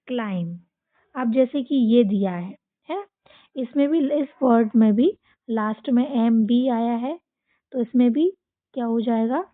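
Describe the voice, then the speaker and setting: A woman with an Indian accent and a slightly high voice teaches children phonics, asking questions and repeating each word for them to echo back. The sound is thin and phone-like, close and dry with no room around it. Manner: slow, drilling repetition with call-and-response questions.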